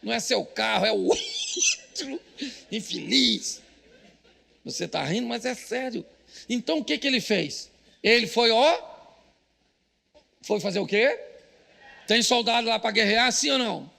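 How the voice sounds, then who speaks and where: A middle-aged Brazilian man preaching a live church sermon, cracking jokes, shouting punchlines and quizzing the crowd. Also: very high-pitched, animated, creaky. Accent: Brazilian Portuguese. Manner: jokey, rapid-fire preaching with shouted punchlines and audience call-outs. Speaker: pastor.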